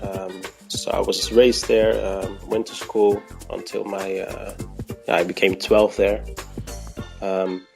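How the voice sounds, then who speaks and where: A man's voice: sits low, little pitch movement, slow, gravelly, darkish tone, faint music behind. A man from Aruba with an Aruban accent, chatting casually in an interview and often searching for words. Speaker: podcast guest.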